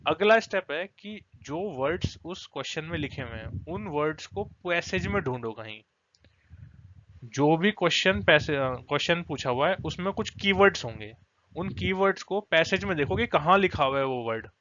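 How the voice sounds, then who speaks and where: A man teaches exam strategy in a direct, instructive way, slipping English words into his Hindi. His voice is bright and forceful. The recording sounds slightly dull, with a faint hiss behind him. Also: a little high, animated, normal speed.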